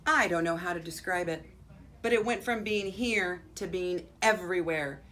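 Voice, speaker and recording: An American woman, a school principal, reading a children's picture book aloud expressively, with dramatic pauses and drawn-out words. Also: fairly low pitch, pushed and bright. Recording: faint background noise.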